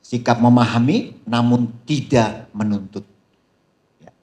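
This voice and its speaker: A man preaching at a seminar in a lively, animated style, calling out to the crowd and shouting some punchlines. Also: medium pitch, slow. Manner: addresses the crowd as "Saudara", calls out "haleluya". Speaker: pastor. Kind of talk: seminar sermon.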